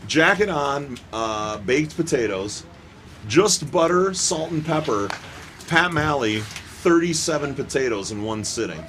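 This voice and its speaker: At a measured pace, a male play-by-play announcer jokes his way through an amateur hockey game from the rink booth, playfully roasting the players. His voice is medium in pitch, animated and fairly bright, and there's a little background noise.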